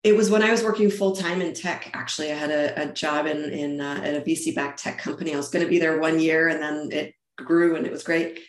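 In a conversational interview, a founder from Germany describes her event business in a low, steady voice. She speaks fairly quickly with few pauses, eager and frequently starting over mid-thought, in an echoey room.

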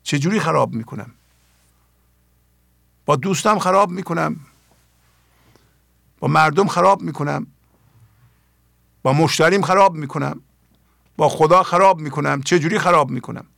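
A man's voice: a little high, gravelly, long pauses, a bit bright, dry recording, clean studio sound. An older man, a spiritual teacher hosting his own program, giving an earnest talk on poetry and asking his listeners many pointed questions.

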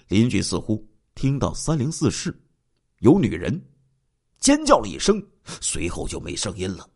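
Male crime-story narrator, mid pitch, hugely swinging intonation, dramatic and chatty. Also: gravelly, darkish tone, slightly rough. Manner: dramatic, exclamatory, colloquial asides.

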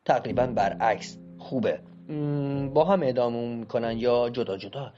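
A man's voice: dark tone, lightly acted. A man voicing a simple-minded, childlike adult brother who talks in a plaintive, naive way, in an audio drama reading. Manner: naive, plaintive, rises high in pitch. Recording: muffled with music behind.

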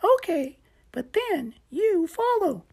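A woman's voice: extremely high pitch, very animated, slow pace, vocal fry, a little mellow, pitched above the performer's own voice, exaggerated voice. A woman voicing an eager, cheerful little male gecko who coaches his friend in a storybook reading, chirpy and encouraging.

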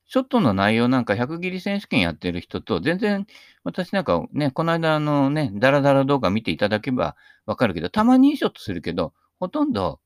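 A man's voice: brisk, no room sound, clean studio sound. A middle-aged man talking through a casual, rambling monologue, with lots of fillers and tag particles. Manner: lively swings in pitch, sometimes dropping to a soft mutter. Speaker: host talking about golf.

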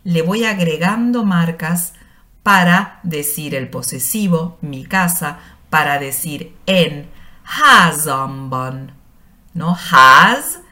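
Woman radio presenter, slow and patient, slightly low voice, teaching with examples. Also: a bit bright. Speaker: radio show presenter explaining language trivia. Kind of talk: relaxed educational talk.

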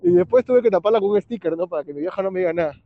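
A man with a Peruvian accent chatting casually, slangy and relaxed, laughing at his own stories. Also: high-pitched, rapid-fire, vocal fry. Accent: Peruvian Spanish. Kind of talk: casual chat. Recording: muffled lo-fi with faint background hiss.

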